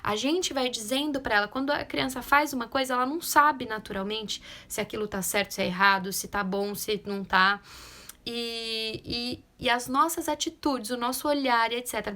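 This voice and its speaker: A young woman, an occupational therapist giving parenting advice in an informal talk over a phone live stream, explaining things and often ending a sentence with a quick "né?". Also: sits high, bright, forceful tone.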